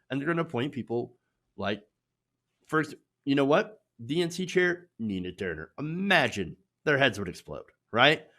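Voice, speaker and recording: American man, emphatic commentary with swooping pitch. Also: a bit bright. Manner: emphatic, repeats points in short punchy phrases, tags with "right?". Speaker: host of an online political commentary show. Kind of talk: opinionated political commentary.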